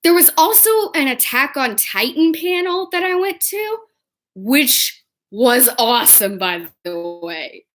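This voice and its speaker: Young woman rambling about con stories, slow and excited, higher voice, talks right into her camera. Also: faint music behind. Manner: chatty, excitable, acts out quotes in different voices. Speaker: vlogger. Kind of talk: casual storytelling vlog.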